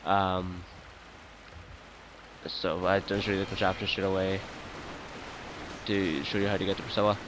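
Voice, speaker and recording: A man giving casual gameplay commentary as a let's play host, relaxed and chatty, with many ums and uhs. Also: sits low, moderate pace, pauses often, background noise. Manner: hesitant, full of ums and uhs.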